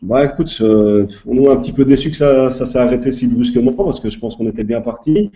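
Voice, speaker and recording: Man, hesitant club official, very dark voice, dull lo-fi sound. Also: mid-range voice, brisk. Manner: hesitant, many fillers and restarts. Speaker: guest, youth club president. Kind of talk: interview answers.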